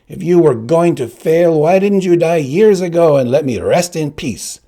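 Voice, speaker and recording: A man reading a story aloud, voicing a dead father who loudly and bitterly scolds his son. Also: fairly high pitch, animated, normal speed, pitched above the performer's own voice. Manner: loud, bitter reproach.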